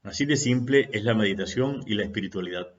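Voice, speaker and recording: A man giving an unhurried, reflective spiritual talk, posing rhetorical questions and telling a parable. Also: on the low side, muffled recording. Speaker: spiritual speaker.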